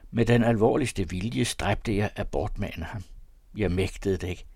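Deep-voiced man reading a classic novella. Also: breathy edge, dry recording, clean studio sound. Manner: measured, expressive reading. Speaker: audiobook reader. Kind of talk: literary audiobook narration.

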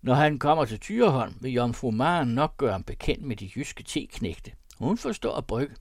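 A hearty old country pastor, voiced by a man, loud and raised in pitch, booming out teasing questions in a classic storybook reading. The sound is dry and close, with no room around it. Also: big pitch swings, dry recording. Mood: boisterous.

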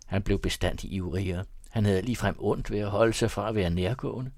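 Male narrator, audiobook, measured storytelling, low pitch, dry recording. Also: a little mellow, no echo.

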